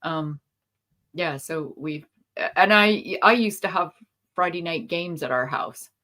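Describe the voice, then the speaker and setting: A woman's voice: lowish voice, lively intonation, unhurried, pushed and bright. A woman co-hosting a casual livestream chat, talkative and laughing often, trailing off mid-sentence. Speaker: co-host.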